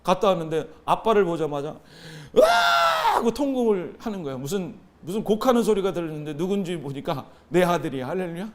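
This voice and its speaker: Animated high-voiced male pastor preaching. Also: fast, few pauses, background noise. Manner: animated, call-and-response with the congregation. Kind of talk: sermon.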